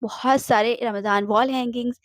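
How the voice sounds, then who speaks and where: A woman's voice: fairly high pitch, steady tone, normal speed, no echo. A young woman recording a chatty voice-over for a craft tutorial at home, mixing English words into her Hindi. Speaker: DIY craft channel host. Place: home, traffic outside.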